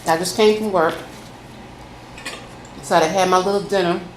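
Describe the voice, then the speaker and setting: Casual mukbang host: woman with a lowish voice, folksy and chatty, recorded in a very roomy space. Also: fairly even intonation, moderate pace. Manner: folksy, addresses listeners as y'all. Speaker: food vlogger. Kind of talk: casual chatty mukbang, talking to viewers while eating. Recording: echoey room, faint background noise.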